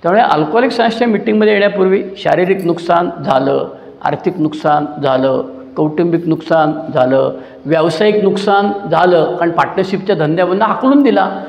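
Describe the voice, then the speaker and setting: An older man sharing his personal story at a support-group meeting, telling it with lively voices for the people he quotes. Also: high-pitched, fairly quick, gravelly. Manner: animated storytelling, acting out quoted people with mocking asides. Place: meeting hall. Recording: dull lo-fi recording in an echoey hall.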